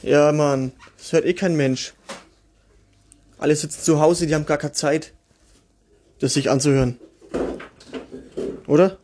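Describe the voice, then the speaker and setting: A man's voice: a little high, steady tone, measured pace, pauses often, a little mellow, a little hiss or hum. A man hosting a casual home podcast from a child's bedroom, crude and sarcastic as he grumbles to his listeners. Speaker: home podcast host, father. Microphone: single microphone at home.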